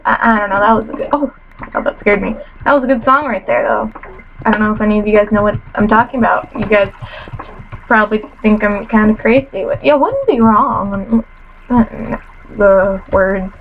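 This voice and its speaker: A woman's voice: medium pitch, muffled recording, slight background noise. A teenage girl commentating her own game casually, chatty and self-mocking with playful trash talk, a little sniffly after a cold, in her bedroom at home. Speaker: gamer commentator.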